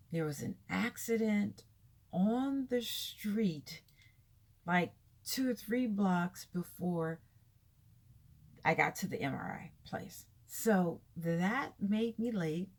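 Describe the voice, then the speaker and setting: A tired woman vlogger with a fairly low, darkish voice chats casually and candidly about her day. She rambles through her stories, repeating herself for emphasis.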